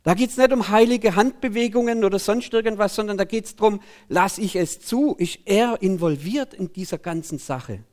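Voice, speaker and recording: A man preaching a sermon in an animated, conversational way, often breaking in with 'hey'. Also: high voice, normal speed, hardly any pauses.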